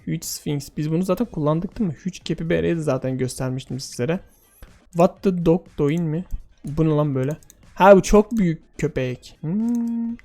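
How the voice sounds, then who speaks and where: A man casually commentating a game for his viewers, excitable and often exclaiming and laughing. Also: on the high side, normal speed. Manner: addresses viewers directly. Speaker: gaming video host.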